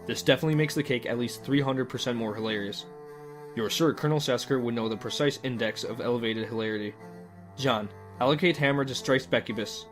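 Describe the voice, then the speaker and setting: With soft music behind him, a male narrator reads a scripted story told in the second person. His delivery is measured and dryly formal, at a middle pitch.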